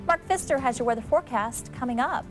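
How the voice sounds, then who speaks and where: A woman news anchor reading local news stories in a crisp, scripted delivery. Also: sits high, expressive, fast talker, music in the background. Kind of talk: local TV newscast. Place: TV news studio.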